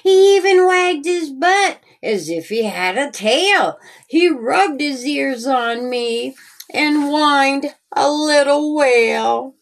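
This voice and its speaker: A woman with a high-pitched, expressive voice hosts a storytime, slowly reading aloud a children's story she wrote herself. She speaks simply and directly to her young listeners.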